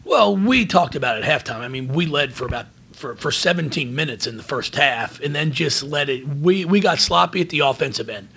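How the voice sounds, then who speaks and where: A man in his forties fields reporters' questions at a post-game press conference, speaking into a table microphone in a press room. His voice is fairly high for a man, with a gravelly, fry-laden edge. He talks earnestly, stumbling and restarting words as he goes. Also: animated, pushed and bright, a little hiss or hum. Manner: earnest, halting with frequent restarts and repeated words. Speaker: basketball head coach. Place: press room in front of a team backdrop. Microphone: table microphone in front of him.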